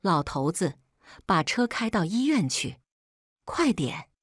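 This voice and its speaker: A woman voicing a bossy, scheming middle-aged mother-in-law who talks in a shrill, domineering way in an audio story. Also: big pitch swings, takes it slowly, dry recording, clean studio sound, heavily acted. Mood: demanding. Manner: shrill and domineering, wailing when upset.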